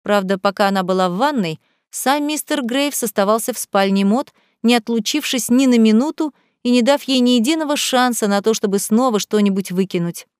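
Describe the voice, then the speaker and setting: A woman narrating an audiobook in a measured, even storytelling manner. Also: on the high side, clear, resonant tone, no echo, clean studio sound.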